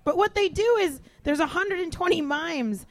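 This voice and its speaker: A woman's voice: very high voice, normal speed. A woman co-hosting a live talk show outdoors, chatting loosely as she tells a news story. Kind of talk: casual banter presenting a news story.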